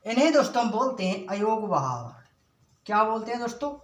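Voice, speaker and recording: A young, high-voiced man runs an exam-prep class at a brisk, very animated clip, with the room echoing around him. He puts every question to his students only to answer it himself, calling them "friends" in nearly every line.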